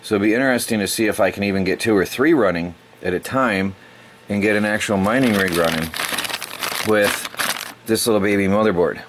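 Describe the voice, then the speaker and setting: A man's voice: on the low side, a little fast, fairly bright tone, slight background noise. A middle-aged man hosting a casual unboxing video, rambling and stumbling over words as he corrects himself. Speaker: tech channel host.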